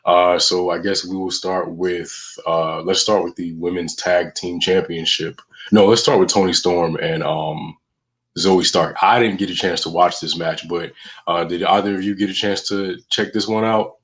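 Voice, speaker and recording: A man's voice: low voice, fairly even intonation, moderate pace, a bit bright, poor audio. A man hosting a podcast in a casual, chatty style. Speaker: podcast host.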